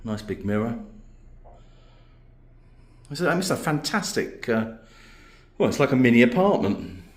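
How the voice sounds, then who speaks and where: A man's voice: medium pitch, big pitch swings, a little slow. A man giving a casual, unscripted vlog room tour in an appreciative, amused, understated way. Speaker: vlogger.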